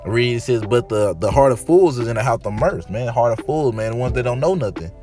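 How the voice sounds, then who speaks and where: A man's voice: medium pitch, expressive, fairly quick, darkish tone. Slangy man preaching with faint music. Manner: casual slangy preaching, repeats himself, calls listeners "man". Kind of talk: informal sermon with scripture reading.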